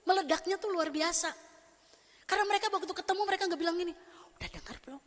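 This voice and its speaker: A woman pastor preaching a lively, fast-talking sermon and acting out bits of everyday conversation with her congregation. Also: very high voice. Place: church sanctuary. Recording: long church hall reverb.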